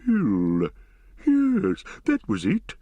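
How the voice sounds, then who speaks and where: An ancient giant tree-shepherd is read aloud by a man in a full character voice for a storybook. Unhurried and deliberate, he speaks with great slowness, humming and musing between thoughts as his pitch lifts and falls lively. The recording is close and has no room sound, so every rumble stays near.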